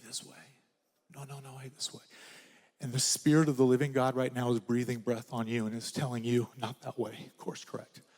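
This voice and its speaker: An older man preaching at a conference, swinging from loud urgent passages to hushed, almost whispered ones. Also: mid-range voice. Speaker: pastor. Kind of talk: conference sermon. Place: large hall at a conference. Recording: reverberant hall.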